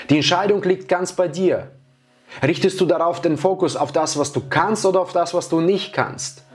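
Motivational male coach with soft music. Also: on the high side. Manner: rhetorical questions, repeats key phrases. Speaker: life coach. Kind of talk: motivational talk.

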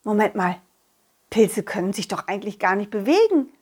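A woman narrating a children's audio story in a playful, animated way, also speaking as the main character. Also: medium pitch, normal speed, breathy edge.

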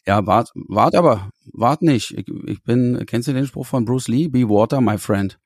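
A man's voice: mid-range voice, measured pace, creaky, dry recording, clean studio sound. A man being interviewed as a musician, talking animatedly and often restarting his sentences. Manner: animated, searching for words with restarts. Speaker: musician guest. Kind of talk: conversational interview answers.

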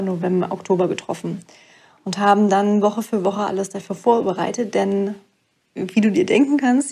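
A woman's voice: mid-range voice, creaky, warm tone, husky. A young woman, a mother, telling a personal story in an earnest, emotional way, with many fillers and restarts. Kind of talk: reflective personal monologue.

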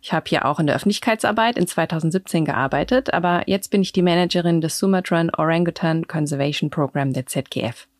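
A woman's voice: deep voice, fast talker, few pauses, dry recording. A woman reading a scripted voice-over translation of an interviewee's answers.

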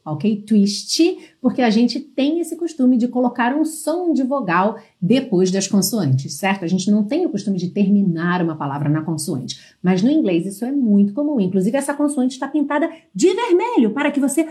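A Brazilian woman teaching English online, pitching her course and drilling pronunciation slowly. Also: animated, warm tone. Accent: Brazilian Portuguese.

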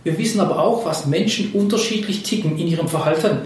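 Guy explaining leadership stuff, kinda high voice, super echoey room, mic a bit far. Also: quick pace. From Swabia, Germany. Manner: explanatory, asks questions, coaching tone. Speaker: podcast host and leadership trainer. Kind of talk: conversational podcast talk.

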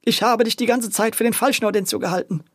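A storyteller voicing a hot-tempered middle-aged male greengrocer who shouts and rants in a children's audio story. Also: steady tone, quick pace, husky, no room sound, clean studio sound. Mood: anxious apology. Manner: shrill, shouting and ranting.

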